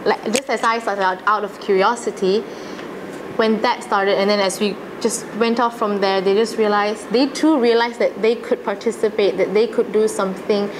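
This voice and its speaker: A woman's voice: medium pitch, steady tone, normal speed. A young adult woman with a Malaysian accent recalling her experiences in a casual interview, earnest and chatty. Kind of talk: casual interview, personal recollection. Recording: noticeable background noise and ambience.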